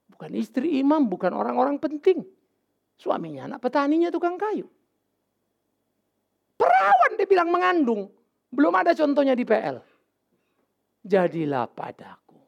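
A male pastor preaching a sermon in a casual, animated way, with sudden loud outbursts and English words mixed in. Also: very high-pitched, gravelly. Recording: dull lo-fi sermon recording.

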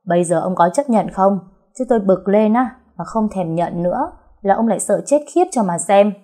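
A woman's voice: medium pitch, animated, moderate pace, dark tone, natural voice. A woman voicing a bold young woman who talks defiantly and commandingly. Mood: scornful. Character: bold, sharp-tongued young woman, Trúc.

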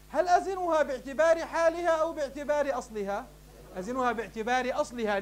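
A man, teaching morphology in a classroom lecture, asking questions and answering them himself. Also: extremely high pitch. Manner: addresses the class warmly as "beloved ones". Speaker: sheikh teaching Arabic morphology.

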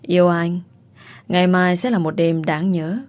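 A woman's voice: lowish voice, flat delivery, unhurried, natural voice. A woman voicing a coaxing young mistress. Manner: warm, coaxing.

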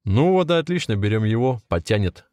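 A man doing a furious young city thug shouting threats. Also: on the low side, very animated, a little fast, no echo, studio quality. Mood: impatient. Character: hot-tempered young male city tough.

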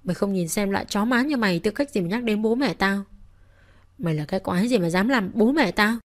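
A woman's voice: medium pitch, expressive, a little fast, lightly acted. A woman voicing a furious young wife who hurls insults through clenched teeth.

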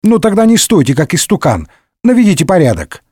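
A man's voice: high-pitched, huge pitch swings, brisk, a little mellow, slightly rough, no echo, studio quality, pitched above the performer's own voice, exaggerated voice. A man voicing a scheming, sardonic middle-aged cardinal in a comic audiobook, wry and condescending. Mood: smug. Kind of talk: audiobook character voice.

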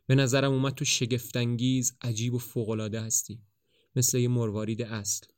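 An anxious young man with an urgent, pleading way of speaking, read by a man telling the story. His voice sits at an ordinary middle pitch and lifts as his words get more heated. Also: level tone, darkish tone, no room sound, clean studio sound, close to an everyday voice. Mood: passionate. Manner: urgent, pleading, rising to passionate. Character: anxious young man, scared then bold.

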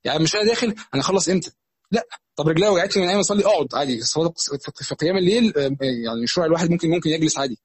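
Husky Egyptian male preacher, rapid conversational teaching, dry close sound, slightly high voice. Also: expressive, no echo. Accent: Egyptian Arabic. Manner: fast, conversational teaching with many restarts and repetitions. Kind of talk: religious lesson.

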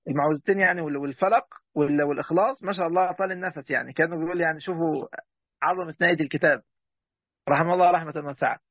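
A man's voice: sits high, no echo, phone-quality sound. A man with an Egyptian accent teaching an online class as a sheikh, reading passages aloud and explaining them in a chatty way, talking straight to his students. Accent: Egyptian Arabic. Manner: chatty, talks straight to his students, breaks off mid-word.

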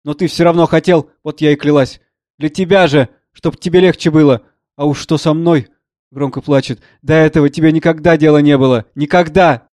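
A man's voice: fairly high pitch, steady tone, a little fast, a little mellow, no room sound, clean studio sound, close to an everyday voice. A man voicing a tearful, resentful middle-aged wife and mother who pleads and accuses. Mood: distraught.

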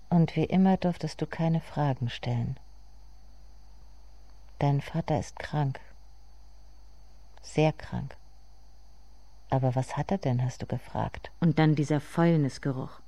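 In a literary radio drama, an actress voices a somber narrator. Her low female voice carries a warm tone, and she speaks in measured, deliberate phrases.

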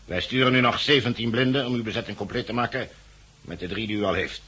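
A man with a Netherlands accent acts in a 1960s Dutch radio drama as a cold, officious committee envoy, formal, pompous and coolly insistent. His lowish voice is fast, pushed and bright with a breathy edge, heard through a muffled-edged vintage 1969 radio recording.

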